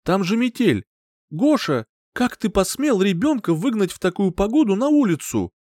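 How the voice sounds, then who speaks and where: A man voicing a frantic, furious woman, a grieving mother, in an audiobook, shouting in fierce, high cries. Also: big pitch swings, normal speed, dry recording, clean studio sound. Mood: alarmed. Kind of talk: audiobook character voice.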